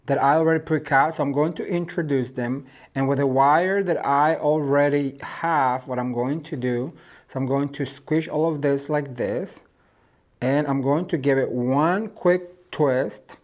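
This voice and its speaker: A man's voice: a little high, a little slow. A man from Mexico hosting a home decor channel, talking viewers through a DIY craft tutorial in a chatty, gushing way and calling them "you guys".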